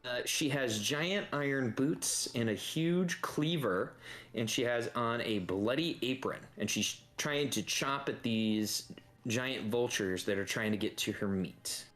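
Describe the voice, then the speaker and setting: Running a tabletop session as dungeon master, a man lays out the rooms in a laid-back style full of fillers, speaking at a measured pace with a mid-range voice.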